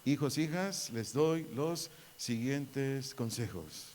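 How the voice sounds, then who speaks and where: A man's voice: medium pitch, animated, slow, darkish tone, slight background noise. Man preaching in an echoing church. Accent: Mexican Spanish. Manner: repeats phrases for emphasis, addresses listeners as sons and daughters. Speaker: pastor. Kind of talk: sermon. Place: church hall. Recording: hall reverb.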